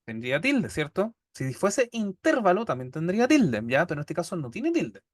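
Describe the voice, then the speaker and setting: In a patient statistics lecture, a Chilean-accented man walks the class through each step and frequently checks in using "¿ya?". His fairly high voice swings hugely in pitch at a moderate pace, recorded cleanly in a studio with no room sound.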